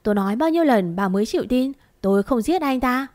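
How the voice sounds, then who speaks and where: A woman's voice: a little high, animated, fast, a little mellow, dry recording, voice pushed up, close to an everyday voice. A woman voicing a frightened, pleading young woman. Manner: pleading, defensive.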